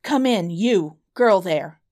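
A woman's voice: sits low, flat delivery, a little slow, a little mellow, no room sound, studio quality. A woman reading the part of a young prince in a fairy tale, speaking firmly and earnestly. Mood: exasperated.

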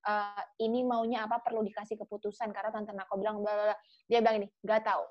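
A woman's voice: medium pitch, quick pace. A woman guest on a podcast, telling a personal story in casual chat and acting out the quoted dialogue. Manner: animated, acts out quoted dialogue. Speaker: podcast guest, cancer activist. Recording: dull lo-fi recording.

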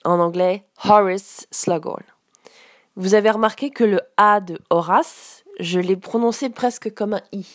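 A woman giving a casual spoken lesson as a teacher, explaining slowly with frequent hesitations. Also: mid-range voice, dry recording, studio quality. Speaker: English teacher.

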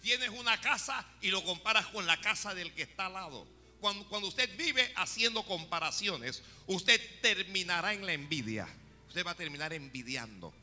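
A man preaches an animated sermon directly to his congregation, his voice pitched high and strikingly bright. The church hall gives it a long, ringing echo, with faint background music. He talks at a normal speed.

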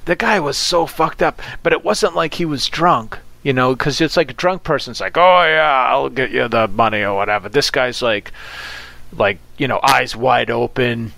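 A man in casual conversation, rambling through his stories with constant fillers, false starts and frequent swearing. His voice sits at a middle pitch and sounds close and dry, with no room echo. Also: normal speed, gravelly, sharp tone. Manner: swears a lot, rambling with many fillers and restarts. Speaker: pizza delivery driver. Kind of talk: casual chat.

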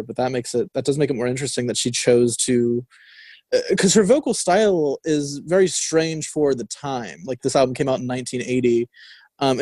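On a studio mic in a radio studio, a young man helps host a college radio show and chats casually about a record. His medium-pitched voice is a little mellow, his speech thick with fillers and restarts, and the recording is dry.

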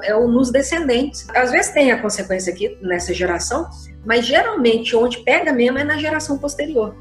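A Brazilian woman speaks as a therapist answering a listener's question. Her talk is conversational and expressive, and she slips into the voices of the people she quotes. The room sounds echoey, with faint music behind her. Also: on the high side. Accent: Brazilian Portuguese. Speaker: systemic constellation therapist.

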